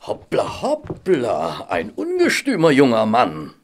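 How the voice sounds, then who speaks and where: A genteel doctor who trails after a detective in an audio drama. His gravelly voice swoops up and down dramatically, sounding polite, flustered and a little put out. Faint ambience lies behind him. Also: medium pitch, wildly swooping pitch, takes it slowly, noisy background, full character voice. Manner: polite, hesitant, mildly exasperated. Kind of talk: German audio drama acting.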